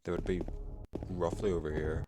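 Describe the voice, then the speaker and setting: A low-pitched man talks casually through his video game playthrough. He swears freely and sounds sardonic and exasperated, with game music clearly playing behind him. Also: flat delivery, moderate pace. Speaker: gamer commentating own playthrough.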